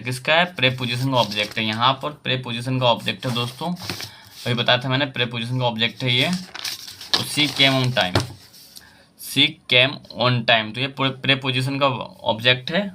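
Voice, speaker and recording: A man's voice: mid-range voice, bright, forceful tone, slight background noise. A young man teaching an English grammar lesson in Hindi, explaining step by step and asking himself questions over his examples.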